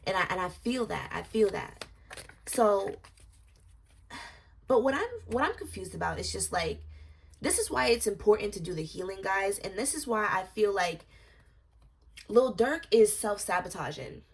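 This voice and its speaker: A woman's voice: mid-range voice, lively intonation, normal speed, gravelly, pauses often, slightly rough. A young woman doing a casual tarot reading vlog, talking in a rambling, confiding way with lots of fillers. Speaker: tarot reader.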